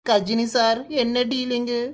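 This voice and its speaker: Here a woman, pitched on the high side, speaks a little slowly in a level tone with only light acting. She plays a brash cartoon bride-to-be with a Kanyakumari Tamil accent, panicky and scolding, full of insults and wailing for help.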